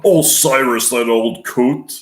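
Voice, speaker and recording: A man voicing an angry, scheming older county boss, drawling slowly as he grumbles. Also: mid-range voice, lightly acted. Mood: angry lament. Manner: slow, grumbling, lamenting. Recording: roomy echo.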